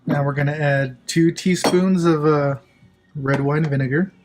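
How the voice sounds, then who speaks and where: A man's voice: fairly high pitch, steady tone, a little slow, over music. A man hosting a casual cooking demonstration, giving laid-back, chatty instructions with joking asides. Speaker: cooking show host. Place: kitchen, at the stove and counter.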